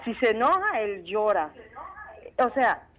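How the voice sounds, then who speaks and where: A woman calling a radio show, a mother describing her son in a chatty, animated way. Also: mid-range voice, a little slow, muffled recording. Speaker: caller, mother.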